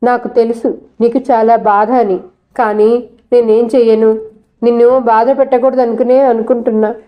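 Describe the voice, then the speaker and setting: A woman reading the part of a gravely injured young unmarried mother who speaks weakly and slowly, defiant and unafraid. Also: little pitch movement, muffled recording, natural voice. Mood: weak, tender. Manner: weak, slow and low-voiced.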